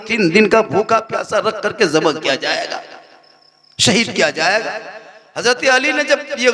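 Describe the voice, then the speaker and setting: A man preaching a devotional sermon, telling a story in rhythmic repeated lines and swinging from hushed tones to loud declamation before a live audience. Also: high voice. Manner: repetitive rhythmic listing. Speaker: Islamic preacher. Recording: live gathering with an audible crowd.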